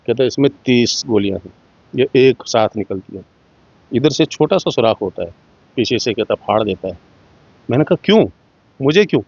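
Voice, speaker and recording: Being interviewed, a middle-aged man from Jammu and Kashmir sincerely relates his own experiences, slightly altering his voice to act out what people said. He has a somewhat mellow mid-range voice, captured in a dry, muffled, dull-sounding recording.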